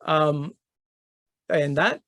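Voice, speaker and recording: A man's voice: a little high, extremely slow, bright, forceful tone, dry recording, studio quality. A middle-aged man giving a conference keynote, telling a story in a casual, conversational way with many fillers and restarts. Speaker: keynote speaker. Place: conference venue.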